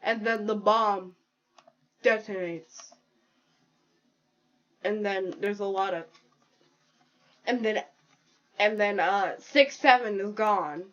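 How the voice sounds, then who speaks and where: A woman's voice: medium pitch, slow pace, long pauses, fairly bright tone, dull audio. A woman casually narrating as she draws, rambling and giggling as she makes up a silly story aloud. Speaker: drawing video creator. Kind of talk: casual narration while drawing.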